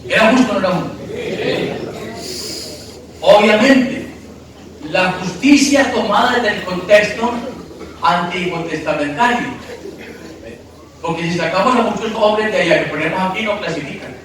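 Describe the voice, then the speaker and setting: A pastor preaching emphatically, asking the congregation questions and breaking into shouts, recorded from a distance in an echoey church hall. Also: male voice, high-pitched, normal speed, long pauses, background noise. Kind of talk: sermon.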